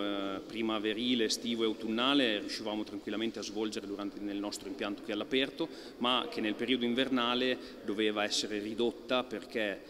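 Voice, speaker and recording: A man in his thirties, an archery club president, giving an interview in an indoor archery hall, talking with many fillers and pauses. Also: fairly low pitch. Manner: thoughtful, halting, many fillers. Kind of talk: on-camera interview.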